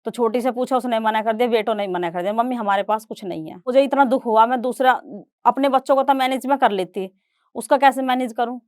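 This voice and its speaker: A woman's voice: fairly high pitch, brisk, darkish tone, no echo, studio quality. A middle-aged woman giving a stage talk, retelling her family story and voicing relatives in quoted dialogue. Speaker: guest speaker.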